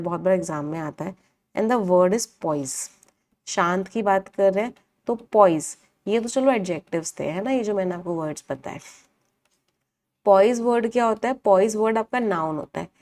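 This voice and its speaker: A woman's voice: medium pitch, darkish tone. A woman teaching English vocabulary in a live online class, asking the class questions, answering them herself and repeating each meaning.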